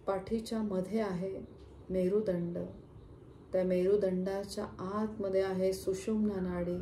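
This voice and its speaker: A woman leading a guided chakra meditation with slow, soothing instructions. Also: medium pitch, mellow. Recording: echoey room, faint background hum.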